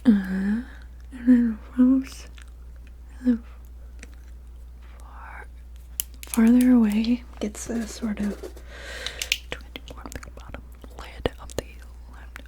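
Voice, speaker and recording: Woman doing whispered role-play asmr, real slow, breathy, mumbling half sentences to herself with little hums. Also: fairly high pitch, fairly even intonation. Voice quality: breathy, mostly unvoiced whisper with soft murmurs. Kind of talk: whispered ASMR role-play of studying the listener and taking notes.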